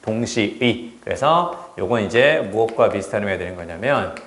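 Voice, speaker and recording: A man's voice: fairly low pitch, lively intonation, moderate pace, fairly bright tone. A man teaching a test prep English class, explaining step by step and asking rhetorical check questions. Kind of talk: classroom lecture. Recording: roomy classroom echo.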